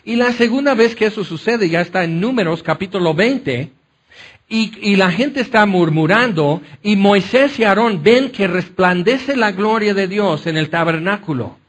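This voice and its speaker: A man delivers a conversational sermon in a high-pitched voice. He talks animatedly, acts out the Bible scenes and keeps checking in with his listeners as he goes. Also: animated, normal speed. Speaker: preacher.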